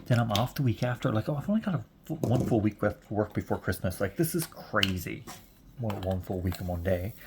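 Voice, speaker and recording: A man in his forties talks on casually as he works through his knitting, rambling from one story to the next and chuckling along the way. His voice sits on the low side, with a faint hiss in the background. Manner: chatty and rambling, with frequent chuckles. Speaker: knitting vlogger. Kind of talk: casual chat while knitting.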